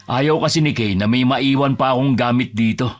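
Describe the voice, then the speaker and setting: A man's voice: medium pitch, moderate pace, close to an everyday voice. An actor playing a bus driver and husband who has turned curt and defensive, snapping and raising his voice. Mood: gentle. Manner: curt, bristling, flares into shouting. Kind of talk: audio drama acting. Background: music.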